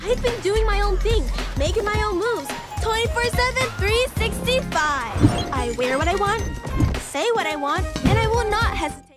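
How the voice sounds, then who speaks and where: A female performer playing a confident, sassy young teenage schoolgirl in an animated film. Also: very high-pitched, moderate pace. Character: confident sassy thirteen-year-old schoolgirl. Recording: film clip under loud music.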